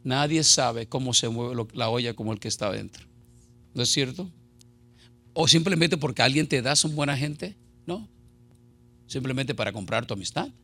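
Middle-aged man, pastor, sermon, gravelly voice, bright and forceful. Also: mid-range voice, expressive, moderate pace, long pauses. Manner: impassioned, conversational, rhetorical questions.

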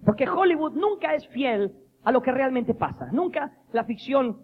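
A man preaches in a lively, joking storytelling style and acts out the voices he quotes. His voice sits high. The recording sounds dull and lo-fi, with faint noise behind him. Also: moderate pace.

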